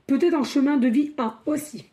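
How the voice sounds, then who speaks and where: A woman doing a spiritual card reading, excitable and thinking out loud as she draws cards. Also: high-pitched, normal speed. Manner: excitable, thinks aloud, breaks into song. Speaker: tarot card reader.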